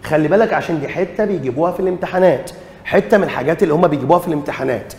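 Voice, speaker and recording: A man's voice: on the high side, very fast, a little mellow, roomy sound, long reverb tail. A man with an Egyptian Arabic accent teaching an exam revision lesson, emphatic, repeating key rules and quizzing his students.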